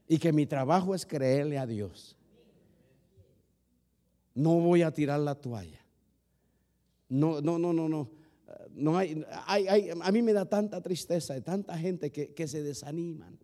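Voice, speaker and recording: A man preaches a sermon in a fairly high voice. He builds to loud, emphatic lines and drops back to quiet ones, calling out to his listeners as brothers and sisters. The sound is an archived church recording. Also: a little slow, long pauses. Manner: preaching with rising and falling emphasis, repeating "hermano". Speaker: pastor.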